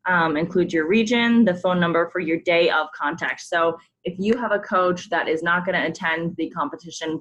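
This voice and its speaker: There is slight background noise as a woman from a sports program staff leads a coach conference call, walking through forms on screen. Her voice is lowish and fairly bright, and her friendly briefing is full of ums and polite reminders.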